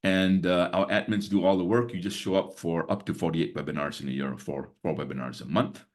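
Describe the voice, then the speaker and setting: A man in his sixties who grew up in Singapore hosts a casual live webinar on a video call as a business mentor, chatting with lots of fillers and small chuckles between points. His voice is low and steady, and he speaks fairly quickly.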